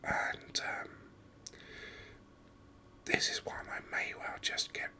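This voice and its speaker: This gaming host delivers whispered ASMR commentary right up against the microphone. Almost no voicing comes through, just breath with a sharp, very crisp brightness, and the explanations unfold slowly, gently and step by step.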